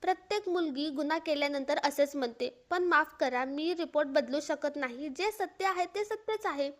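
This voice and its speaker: A middle-aged male doctor in a storybook, dismissive and matter-of-fact, as a woman narrator puts him on. The voice stays high. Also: moderate pace, close to an everyday voice.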